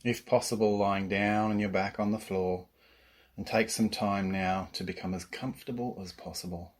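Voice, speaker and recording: Leading a yoga nidra relaxation, this teacher speaks in a voice on the low side. His tone is calm and soothing, and he pauses for a long time between instructions.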